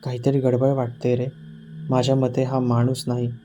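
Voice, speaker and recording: A man's voice: medium pitch, completely flat delivery, moderate pace, dull audio, background noise, close to an everyday voice. A man voicing the narrator's frightened young friend, urging him to flee, in a horror story. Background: loud background music.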